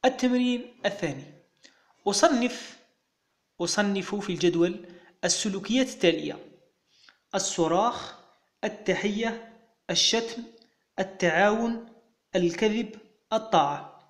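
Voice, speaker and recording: A man's voice: sits high, moderate pace, pauses often. A man with a Moroccan Arabic accent, a teacher patiently walking young pupils through exam answers step by step.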